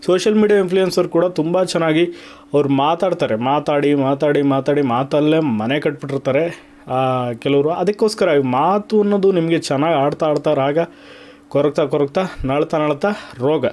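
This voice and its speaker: In this explanatory vlog, the male channel host uses English terms and emphatically lists items for his audience. He speaks at a moderate pace in a higher voice that comes across a little mellow.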